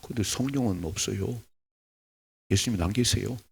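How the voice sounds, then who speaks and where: A middle-aged male pastor preaches with a low, gravelly and husky voice. He talks to his congregation in a loose, conversational way. He slips into little acted asides and stacks up rhetorical questions that rise as he presses his point. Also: normal speed. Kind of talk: sermon.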